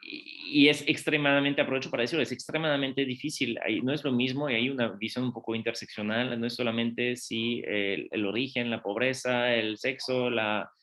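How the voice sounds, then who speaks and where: A man's voice: medium pitch, steady tone, brisk, a bit bright. A man who is not a native Spanish speaker gives a university lecture in a conversational way, answering panel questions and often checking in with the audience through tag questions. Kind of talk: conversational academic talk.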